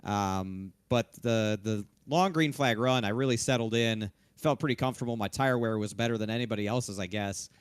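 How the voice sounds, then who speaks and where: Post-race driver, voice going hoarse. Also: male voice, lowish voice, moderate pace, few pauses, dry recording. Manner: relaxed, loose, frequent restarts and fillers. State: losing his voice. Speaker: race-winning sim racing driver.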